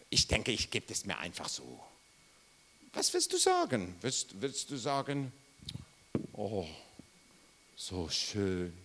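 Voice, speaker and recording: Slow, animated preacher. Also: male voice, fairly low pitch, a little hiss or hum. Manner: animated, acts out quotes, bursts of loud exclamations; slow and drawn out. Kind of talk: sermon.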